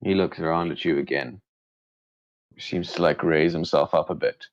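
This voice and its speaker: Low-voiced male game master. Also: fairly even intonation, moderate pace, muffled recording. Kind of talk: improvised tabletop game narration.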